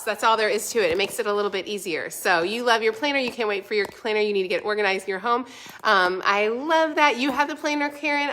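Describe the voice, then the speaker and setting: With a stuffy nose from a cold, a forties-aged woman vlogger runs a casual livestream for a home planner, encouraging viewers as she replies to their comments. Her voice sits in the mid range and has a sharp tone.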